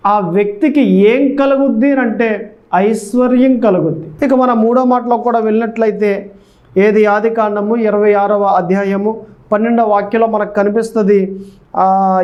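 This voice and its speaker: High-voiced male pastor preaching. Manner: questioning the congregation, repetitive emphasis. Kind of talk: sermon. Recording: dull lo-fi recording.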